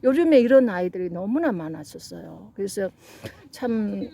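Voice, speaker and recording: A middle-aged woman lecturing on psychology and parenting in a mellow, darker tone. She tells her stories earnestly and acts out the quoted parents and children. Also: medium pitch, expressive, normal speed, creaky. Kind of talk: lecture with anecdotes.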